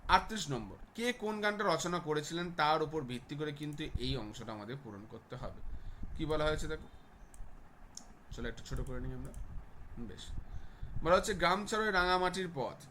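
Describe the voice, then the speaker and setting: A man's voice: a little high, normal speed, pauses often, fairly bright tone, a little hiss or hum. A man teaching a class, walking students through exam answers and often checking that they follow.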